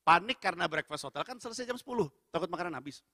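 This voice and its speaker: A male stand-up comedian telling an animated story to his audience and acting out the dialogue with mimicked voices. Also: sits high, very fast, studio quality. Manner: addresses the audience directly. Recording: echoey hall.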